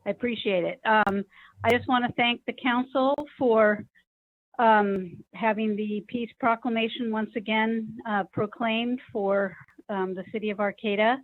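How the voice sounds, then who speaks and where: A woman calling in on an old flip phone to give a public comment, speaking haltingly with many ums and uhs. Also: on the high side, steady tone. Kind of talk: public comment at a council meeting. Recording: tinny phone line.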